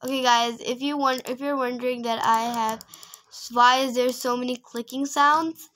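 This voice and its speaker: A woman's voice: sits high, steady tone, normal speed, a bit bright. A young woman talking casually while she plays a video game and records it, pleading and exasperated as she begs other players for trades. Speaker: gaming video creator. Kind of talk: casual gameplay commentary.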